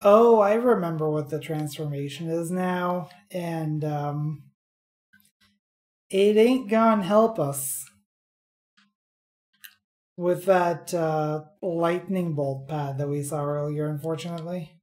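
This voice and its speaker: Low-voiced woman streaming, unhurried. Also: a little mellow. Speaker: video game streamer. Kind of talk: casual gameplay commentary.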